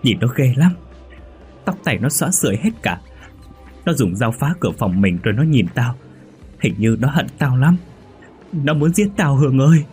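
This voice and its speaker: A man's voice: medium pitch, lively intonation, drawn-out words, pauses often, a little mellow, soft background music, voice pushed up. A man voicing a terrified young woman who begs and pleads in panic, in a horror story. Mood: frightened.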